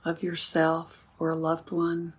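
A woman leading a guided meditation as a teacher, speaking calmly and gently with unhurried pauses. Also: low-pitched, husky.

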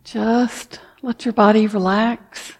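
Meditation teacher, female; slow, soft delivery with long pauses, breathy and mellow tone. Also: on the high side, steady tone. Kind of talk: guided meditation.

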